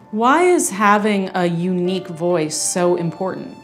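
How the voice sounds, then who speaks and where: A woman's voice: mid-range voice, slow, faint music behind. A woman reporter who interviews and explains in a friendly way and laughs easily.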